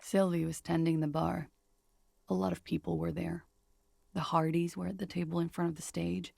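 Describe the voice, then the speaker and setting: A guarded young woman in a video game, frightened of those hunting her. Her low voice is heavily creaky and gravelly. She confesses in a measured, weary way, recorded dry and close. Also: flat delivery, a little mellow, no echo.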